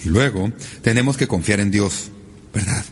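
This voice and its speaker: A man preaching a sermon as a pastor, lively and emphatic, with sudden rises on key words. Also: fairly low pitch, normal speed, a little hiss or hum.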